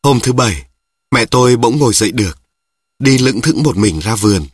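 A man narrating a first-person story in a plain, measured, somber way. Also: medium pitch, animated, slightly rough, dry recording, clean studio sound.

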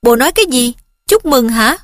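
A woman reads a teenage boy wizard, frustrated and defensive, pushing back with insistent protests in a bright, higher-pitched voice. The storybook voice sounds close and dry, with no room around it. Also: animated, moderate pace, no room sound.

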